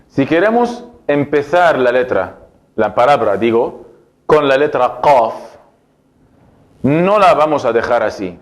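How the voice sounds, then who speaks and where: Slow patient male Arabic teacher. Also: mid-range voice. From Egypt. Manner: slow, patient, repeats sounds for drilling. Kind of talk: slow board lesson for Spanish speakers.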